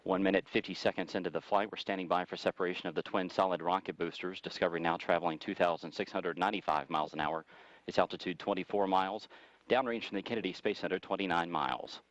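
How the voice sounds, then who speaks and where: A very low-voiced American man reports as a mission control radio commentator. He moves quickly through flight status and figures in a formal, factual manner. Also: no echo, dull audio.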